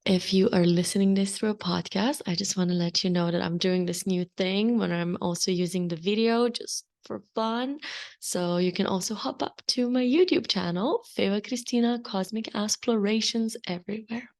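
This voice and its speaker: A woman's voice: medium pitch, steady tone, moderate pace, darkish tone. A woman, hosting a podcast in open, unscripted, meandering solo talk. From Slovenia. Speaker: podcast host. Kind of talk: casual solo podcast chat.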